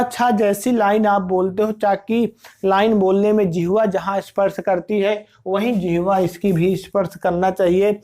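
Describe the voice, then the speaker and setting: A man giving an online exam-prep lecture as a teacher. He asks his own questions, answers them at once, and repeats sounds slowly to show how they are said. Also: high voice, a little mellow.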